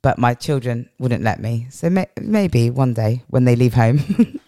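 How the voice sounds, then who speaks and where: A middle-aged woman from England talks slightly slowly in an extremely low, expressive voice with a warm tone. As a podcast guest she tells reflective personal stories, using repetition for weight, her voice strong and powerful. It's studio-quality audio with no room sound.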